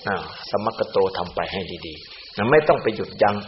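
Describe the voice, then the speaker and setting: Male monk preacher, lively delivery, recorded dull with a faint hiss. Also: on the low side, normal speed, roomy sound. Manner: animated, acts out other people's words in quoted voices. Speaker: Buddhist monk. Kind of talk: Dhamma sermon.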